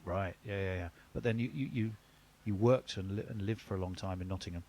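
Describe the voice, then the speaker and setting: A man presents cricket radio, interviewing a guest hesitantly and stumbling through many restarts in a conversational way. His voice sits low with a dark tone, and he talks a little fast.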